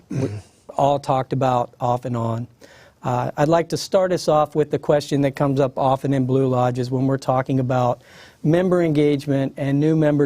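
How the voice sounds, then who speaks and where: Man in his fifties, panel moderator, mellow dark tone, dry close sound, easygoing. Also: medium pitch, no room sound. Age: 50s. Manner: relaxed, conversational with frequent fillers. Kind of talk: panel discussion.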